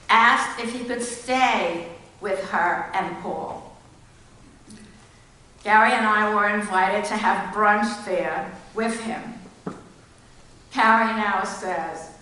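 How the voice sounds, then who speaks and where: An older woman slowly reading a heartfelt memorial tribute for her son-in-law. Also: medium pitch, sharp tone. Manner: slow, measured, heartfelt. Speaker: mother-in-law giving a tribute. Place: community hall memorial gathering. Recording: echoey hall, distant mic.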